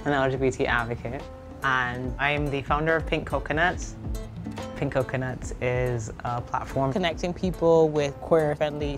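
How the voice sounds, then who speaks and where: A young woman from Barbados, speaking calmly and earnestly about her life as a documentary narrator. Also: extremely low pitch. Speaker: entrepreneur and advocate.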